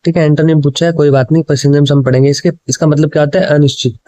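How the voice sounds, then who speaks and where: A man's voice: on the high side, fairly even intonation, rapid-fire, dark tone, no echo, low-quality recording. Guy doing exam prep, keeps saying thik hai, dry close mic sound. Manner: mixes Hindi and English, repeats answers, keeps asking "ठीक है?". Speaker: exam coaching teacher. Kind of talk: explaining exam questions.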